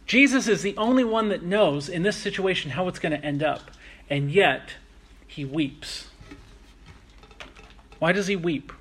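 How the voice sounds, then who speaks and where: A man preaching a sermon, earnest and reflective, slowing down to stress key phrases. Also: sits high, fairly bright tone, breathy edge. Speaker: pastor.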